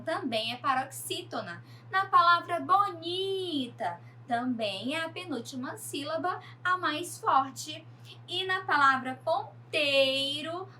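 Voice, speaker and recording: Bright high-voiced woman teacher. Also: distant mic, a little hiss or hum. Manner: slow, emphatic, addressing pupils directly. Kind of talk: online class lesson.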